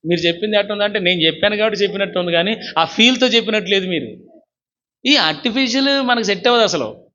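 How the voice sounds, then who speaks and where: Male pastor, fervent call-and-response preacher; high, sharp delivery on a muffled lo-fi church recording. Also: lively intonation, fast talker. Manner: fervent, urges congregation to repeat after him. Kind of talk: sermon. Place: church service. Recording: dull lo-fi recording.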